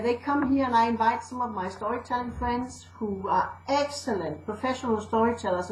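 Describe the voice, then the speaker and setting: A woman with a Danish accent, a storyteller and educator, chats in a casual interview using fillers and restarts. Her voice is a little high, captured in an echoey room on a rough recording.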